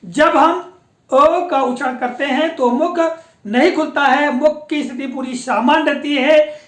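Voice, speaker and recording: A woman teaching a patient, explanatory lesson, often pausing to check that her students follow along. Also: sits high. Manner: patient, explanatory, often repeats a confirming filler. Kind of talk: classroom-style lecture on pronunciation. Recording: echoey room.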